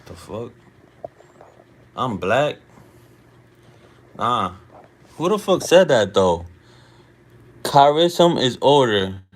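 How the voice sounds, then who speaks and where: On a late-night live stream, this man, born in the US to a Dominican family, reads his chat in a relaxed, slangy style, often tossing in "you feel me?". He speaks in a mid-range voice with big pitch swings, very slowly and with long pauses.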